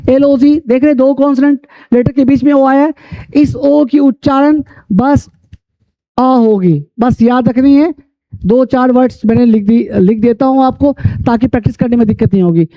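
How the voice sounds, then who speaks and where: Guy teaching english sounds, highish voice, kinda dull lo-fi audio. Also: fairly even intonation. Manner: repeats rules and spells out letters slowly. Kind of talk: classroom-style lesson.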